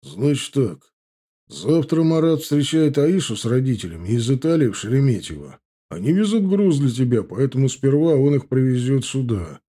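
Male reader as grumbling older father-in-law, husky and dark, audiobook. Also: medium pitch, sing-song, moderate pace. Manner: gruff, confiding, drops to a whisper.

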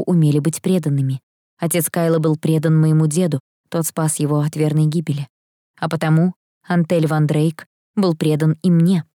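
A woman reading a first-person fantasy audiobook in a calm, measured storytelling manner. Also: deep voice, dry recording, studio quality. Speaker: audiobook reader.

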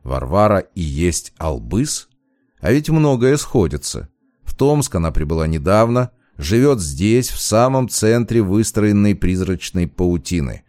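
Low-voiced male audiobook narrator. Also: very animated, unhurried, dark tone, no room sound, studio quality. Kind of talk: first-person audiobook narration.

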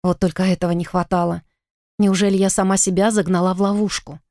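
A woman giving steady first-person audiobook narration. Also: lowish voice, fast talker, dry recording, studio quality.

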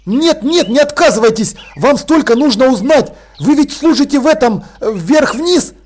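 A man voicing an excitable young male newspaperman who fires off eager, pleading questions. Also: very high voice, pitched above the performer's own voice. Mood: excited. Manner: breathless, pleading, rapid-fire questions.

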